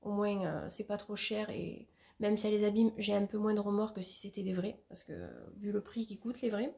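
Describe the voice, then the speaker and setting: A woman's voice: medium pitch, animated, brisk, gravelly, warm tone. A young woman chatting casually as a vlogger, showing gifts with many fillers and restarts. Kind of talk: casual show-and-tell chat.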